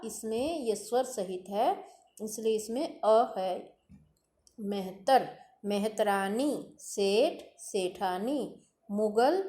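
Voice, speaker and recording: A woman teacher talks through a grammar lesson at an unhurried, deliberate pace, lingering on each word ending. Her voice sits a little high. The recording has a clear echo from the room around her. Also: darkish tone. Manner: slow, stresses and repeats word endings. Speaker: Hindi teacher.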